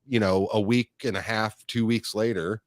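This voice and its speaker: A middle-aged man hosting a podcast, chatting casually and telling lively stories, acting out what people said. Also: lowish voice, moderate pace, no echo, studio quality. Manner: animated storyteller, acts out quotes. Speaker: podcast host. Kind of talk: casual chat.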